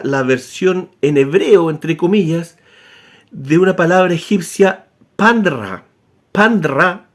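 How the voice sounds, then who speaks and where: Male author, high voice, casual animated lecture style with frequent restarts. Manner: animated, with many tag questions and restarts. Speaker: author explaining history. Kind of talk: informal spoken lecture.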